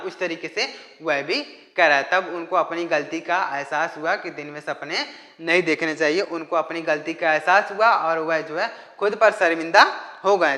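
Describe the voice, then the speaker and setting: A man teaching an English lesson, explaining a story in Hindi and translating it phrase by phrase in a slow, deliberate way. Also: fairly high pitch, pushed and bright, reverberant, long reverb tail.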